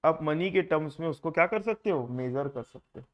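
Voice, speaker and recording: A man's voice: a little high, lively intonation, brisk. A man teaching an accounting class in Hindi, often asking his students questions and mixing in English terms. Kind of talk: classroom lecture.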